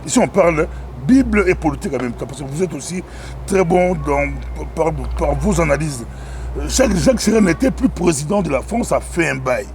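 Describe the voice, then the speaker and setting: A man's voice: a little high, lively intonation, moderate pace, a crowd in the background. A man hosting an interview as a pastor, talking hesitantly with many restarts.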